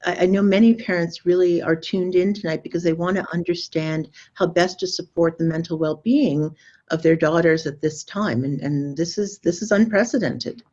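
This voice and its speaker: A woman moderates an online webinar with a somewhat low voice. She praises the guests effusively and eases gently into her questions. Her audio sounds dull and lo-fi. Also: fairly even intonation, moderate pace.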